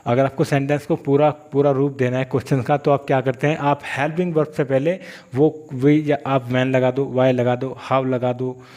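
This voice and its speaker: A man's voice: medium pitch, flat delivery, normal speed, a little mellow. A man teaching English grammar, repeating and restarting phrases as he explains step by step. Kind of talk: classroom-style grammar lesson.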